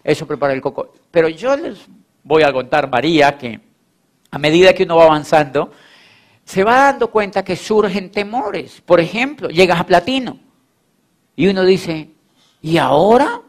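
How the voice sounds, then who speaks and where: A man's voice: fairly high pitch, animated, normal speed. A man giving a motivational stage talk to an audience, repeating phrases for emphasis and acting out quoted voices. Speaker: motivational speaker.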